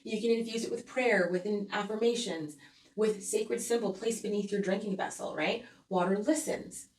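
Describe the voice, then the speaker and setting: A woman's voice: mid-range voice, moderate pace, a little mellow. Earnest woman reading weekly tarot, roomy echo. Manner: soothing, earnest, repeats "okay?" to check in with viewers. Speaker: tarot reader and astrology host. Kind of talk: weekly energy forecast with tarot cards. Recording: roomy echo, voice a bit far from mic.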